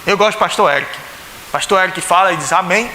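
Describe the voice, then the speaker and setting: High-pitched and quick, a male pastor with a Pernambuco Brazilian Portuguese accent preaches in a church sanctuary. He talks conversationally, asks many rhetorical questions, and acts out the voices he quotes, recorded in an echoey hall with faint hiss.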